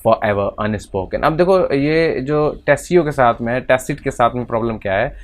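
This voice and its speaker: A man with an Indian accent teaching vocabulary, reading English text slowly and then explaining it quickly in Hindi. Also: mid-range voice.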